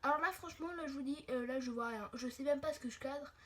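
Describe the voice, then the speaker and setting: Filmed on a handheld or tripod phone with noticeable background noise, this homemade vlog has a young hobby creator rambling about her toy collection. Her voice is high-pitched and she talks fast, hesitant and casual, cutting herself off often and swearing mildly in colloquial phrasing.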